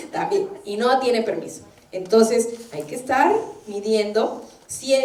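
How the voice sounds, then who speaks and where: Woman, sermon, storytelling minister, mellow higher voice, echoey hall, distant mic. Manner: anecdotal, acts out quoted voices. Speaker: minister preaching.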